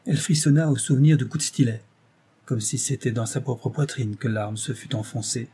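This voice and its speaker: A man narrating a novel as an audiobook in a measured, even storytelling manner. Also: medium pitch, a little hiss or hum.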